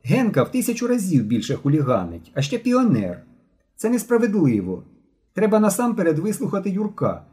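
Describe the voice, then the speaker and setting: A man's voice: high voice, huge pitch swings, fairly quick, warm tone, voice pushed up. A man voicing a tall, prim schoolgirl who protests in an indignant tone. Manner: protesting, raised tone.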